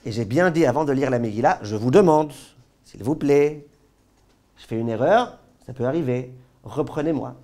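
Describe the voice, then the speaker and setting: Un homme, rabbin, qui donne un cours de loi juive vivant, avec des anecdotes, et qui passe souvent de l'emphase forte aux apartés à voix basse. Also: male voice, normal speed. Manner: animated storyteller, jumps between loud stress and quiet asides; asks the class questions. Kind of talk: lively halakha class told with anecdotes.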